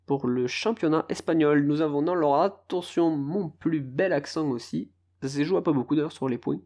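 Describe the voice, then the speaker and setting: This podcast host has a fairly high, darkish-toned voice and keeps a moderate pace. Alone on a laid-back show, he wanders from point to point and mocks himself for fumbling foreign team names.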